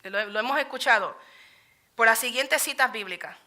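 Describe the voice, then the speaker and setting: A woman leads a Bible study in a church meeting room. Her voice sits a little high and rings bright and forceful. She talks in a loose, conversational way and keeps asking the group to agree with her. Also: normal speed.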